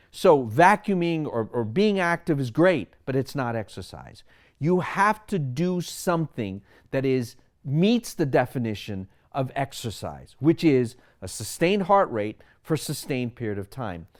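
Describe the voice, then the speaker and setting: A man in his sixties from Sri Lanka, a physician speaking about his wellness philosophy in an explanatory monologue full of rhetorical questions. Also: medium pitch. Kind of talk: personal monologue to camera.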